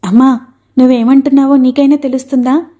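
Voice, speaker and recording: A woman's voice: high-pitched, steady tone, brisk, warm tone. A woman doing an earnest, agitated young man. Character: adult son, earnest and agitated.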